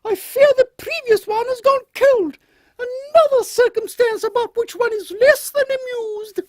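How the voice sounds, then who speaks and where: An extremely high-pitched old queen, acted by a man, holds forth in regal, fussy fashion for a comic audio drama. She is haughty and a little dotty. The recording is dry. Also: a little slow, no echo. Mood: fussy, arch. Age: older. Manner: haughty, regal, fussy, uses royal "one". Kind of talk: steampunk radio comedy acting.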